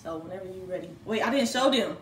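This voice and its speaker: A woman's voice: mid-range voice, expressive, fast, slight background noise. Teasing young woman vlogger, echoey room. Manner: playful, teasing, laughs often. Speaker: vlogger, channel host. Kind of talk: casual chat. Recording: echoey room, mic at a distance.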